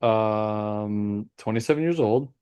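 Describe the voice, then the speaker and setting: A middle-aged man co-hosting a podcast in casual, jokey banter, a bit sleepy and quick to poke fun at himself. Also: on the low side, a little mellow, clear, resonant tone. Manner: jokey, self-deprecating, laughs often. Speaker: podcast co-host.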